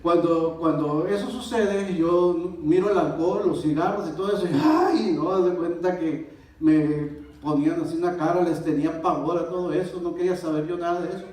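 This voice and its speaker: Animated Mexican man telling his testimony. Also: a little high, a little fast. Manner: animated storyteller, acts out dialogue. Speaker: church member giving testimony. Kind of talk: personal testimony in church. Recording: echoey church hall, distant mic.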